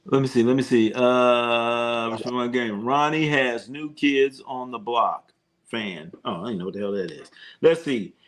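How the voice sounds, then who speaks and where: There's a faint hiss or hum behind this man's mid-range voice, which moves at a moderate pace. He hosts a live sports stream, casually reading comments and trading jokes with viewers and a co-host, heavy on slang and fillers.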